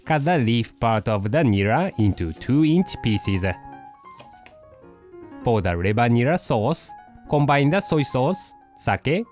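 A man's voice: mid-range voice, very animated, darkish tone, soft background music, poor audio. [name], a man voicing a patient poodle host. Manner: slow, deliberate step-by-step instructions. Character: a poodle dog hosting a cooking show, calm and patient. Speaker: cooking show host. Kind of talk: scripted recipe narration.

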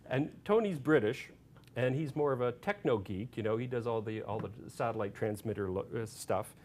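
A man's voice: medium pitch, slight background noise. A man giving a public talk as an author, telling a field anecdote with lots of fillers and restarts, from Canada. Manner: halting anecdote, many fillers, gets animated and loud retelling shouts.

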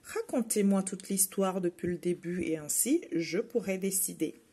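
Woman doing a crafty storybook hare, husky, teasing questions. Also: medium pitch, normal speed, warm tone. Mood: sly. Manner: mischievous, questioning. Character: sly, clever male hare.

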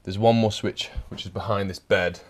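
A male electrician with a lowish, steady voice talks at a moderate pace while rewiring a house. It's casual work vlog narration, dry and chatty, with explanations as he goes, and he's out of breath now and then indoors.

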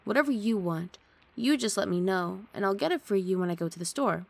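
Speaking a little fast with a creaky, expressive medium-pitched voice, a woman leans in close to a dry studio mic. Her ASMR roleplay casts her as a sardonic, huffy young roommate whose grumpiness is affectionate, and the one-sided dialogue feels intimate and teasing.

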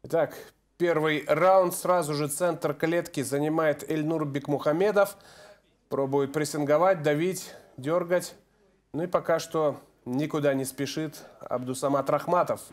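A man's voice: fairly high pitch, fairly even intonation, measured pace. A man giving live MMA commentary as a sports broadcaster.

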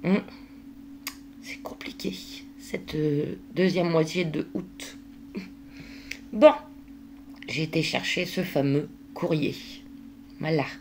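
A woman's voice: sits low, slow pace, pauses often, darkish tone, a little hiss or hum. A woman talking casually in a daily vlog, exasperated and worn out, venting with lots of fillers. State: worn out, at the end of her tether. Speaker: vlogger.

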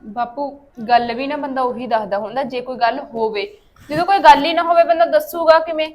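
An actress playing a young married daughter who is blunt and indignant. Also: female voice, high voice, fairly quick, lo-fi sound, soft background music, lightly acted. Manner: blunt and sharp-tongued.

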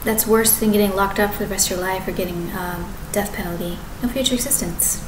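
A vlogger in her thirties rambles to a webcam at desk distance in her apartment living room, with the kitchen behind her, halting and often restarting and correcting herself. Her mid-range voice keeps a steady tone, and the room is echoey with background noise.

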